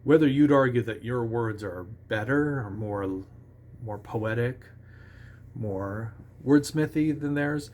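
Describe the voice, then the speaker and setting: A man giving a relaxed, conversational songwriting lesson, talking with restarts and sometimes singing short nonsense syllables as examples. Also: mid-range voice, takes it slowly, a little hiss or hum. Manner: self-assured about his own lyric writing. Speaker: songwriting teacher. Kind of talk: casual instructional talk.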